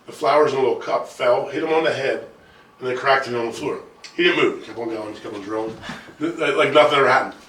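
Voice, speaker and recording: A male podcast host who talks fast and tells stories with energy. His voice has a bright, forceful edge. He sits back from the mic in a roomy, echoing space. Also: medium pitch, distant mic, slight background noise. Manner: quick, energetic storyteller. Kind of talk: casual interview chat.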